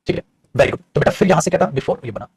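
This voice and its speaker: Male teacher, husky, quick delivery, patient explaining. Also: on the high side, animated. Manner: explains patiently, keeps calling students "beta". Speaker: English teacher. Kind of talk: teaching a class.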